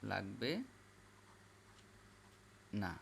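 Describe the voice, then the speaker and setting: A man teaching Quran reading, patiently repeating each letter aloud in a slow classroom style. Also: on the low side, fairly even intonation, creaky, slight background noise. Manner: repetitive, drills letters aloud.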